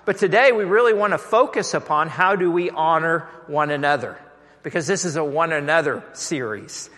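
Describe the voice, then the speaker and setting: A man's voice: fairly high pitch, moderate pace, fairly bright tone. A man with a Texan accent preaching a sermon as pastor, emphatic and engaging his congregation, asking them to repeat lines after him. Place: church sanctuary. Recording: long reverb of a church hall.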